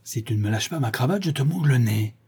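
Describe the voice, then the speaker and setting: A brutal male bandit fresh from the prison hulks, spitting slangy threats in a raised, husky voice. A man acts him out in a storybook reading. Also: fairly high pitch, animated, normal speed, warm tone, voice pushed up. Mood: menacing.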